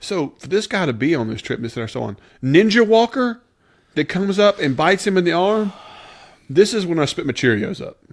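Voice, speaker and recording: A man's voice: high voice, very animated, normal speed. A man co-hosting a podcast, chatting casually in a blunt, sardonic way. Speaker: podcast co-host. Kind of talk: casual review chat.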